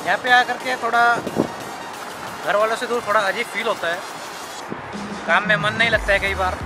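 A man's voice: sits high, fairly even intonation, moderate pace. A man answering questions in a plain, reflective way while his friends look on. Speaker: interviewed friend. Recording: loud background music.

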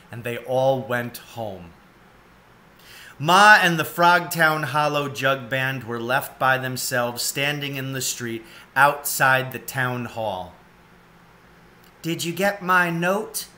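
In a cluttered room at home, a seated man in his forties reads a children's story aloud. His mid-range voice is unhurried, pushed and bright.

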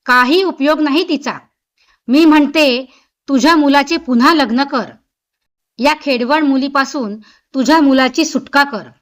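Gossiping neighbor women urge and meddle in a spiteful tone, as a woman narrator reads them. Her voice stays high and clear in this family story. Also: a little slow.

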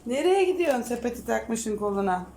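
A woman talking to her small child at home, coaxing, praising and gently scolding him. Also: fairly high pitch, sing-song, a little fast, slight background noise. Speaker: mother playing with her toddler.

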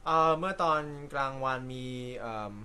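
A man hosting a casual live stream from an indoor room, reading viewer comments in a relaxed, chatty way with frequent light laughter and apologetic asides. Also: fairly high pitch, normal speed, clear, resonant tone. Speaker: host.

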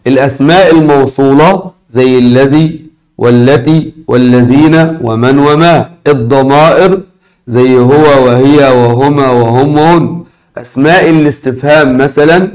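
A man with an Egyptian Arabic accent teaching a recorded lesson, repeating key words slowly and asking his students questions. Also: medium pitch, a little mellow.

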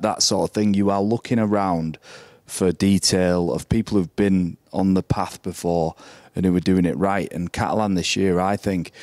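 Ex-player pundit, man, lowish voice, blunt and sweary, dry close mic. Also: a little mellow, no room sound. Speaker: podcast pundit, former player. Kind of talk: live podcast chat. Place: brewery taproom, live audience.

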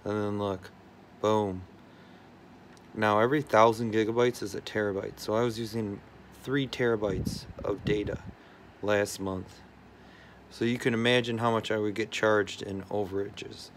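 A tech vlogger films from behind the camera in a cluttered room packed with phones and routers, casually walking through his setup. His voice sits on the low side, steady and unhurried, with a faint hiss or hum. The explaining is loose and heavy with fillers.

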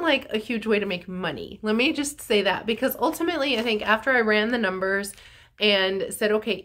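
Speaking into a phone camera at arm's length, this artist vlogger from North Carolina, USA, is a woman in her forties talking casually indoors in a small room at home, dropping lots of ums and likes. Her pitch is fairly high and a bit bright, with a congested, slightly nasal quality.

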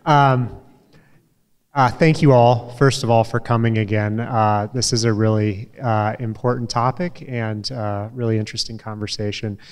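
A middle-aged man from Des Moines moderating a library talk, speaking slowly and gently with many "uh" pauses. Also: fairly low pitch, steady tone, clean tone. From Des Moines, Iowa. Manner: slow, measured, many uh fillers, soft and emotional. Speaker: event moderator. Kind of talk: public talk to an audience. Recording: reverberant hall.

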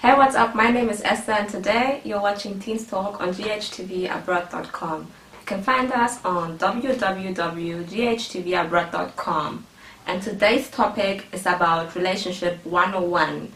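A woman's voice: mid-range voice, moderate pace, a bit bright. A young woman hosting a casual youth discussion show, chatty and thinking aloud with fillers, filmed indoors. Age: young adult. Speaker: host. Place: indoor living room. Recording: roomy, distant camera audio with faint hiss.

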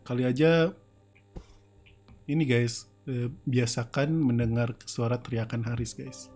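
A man's voice: medium pitch, steady tone, unhurried, a little mellow, faint music behind. A young man doing casual, playful game commentary from home, joking about himself and breaking into screams and laughter. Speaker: streamer.

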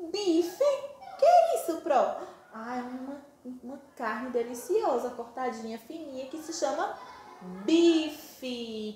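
A woman from northeastern Brazil teaching syllables to preschoolers in a slow, sing-song, affectionate way, stretching each syllable. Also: a little high, a little mellow, slight background noise. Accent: Brazilian Portuguese, Pernambuco. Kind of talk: slow, sing-song phonics lesson for small children. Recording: very echoey room.

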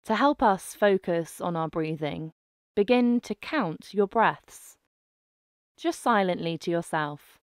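A woman narrating a guided breathing meditation in a gentle, calming manner. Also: fairly low pitch, dry recording, clean studio sound. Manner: slow, gentle, calming delivery with soft phrasing.

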